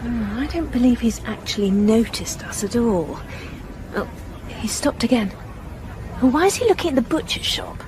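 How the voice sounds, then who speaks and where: A young English hairdresser, frank and curious, is played by an actress in a radio drama, her English accent carrying a matter-of-fact manner. Here the female voice rides on the high side with a sing-song lilt at a moderate pace, sounding conspiratorial against a noisy background.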